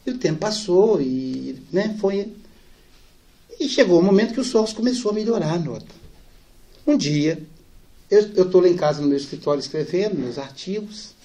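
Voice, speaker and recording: A man giving a spiritist lecture, telling family anecdotes lively and softening for the sad parts. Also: sits high, moderate pace. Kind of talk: storytelling lecture.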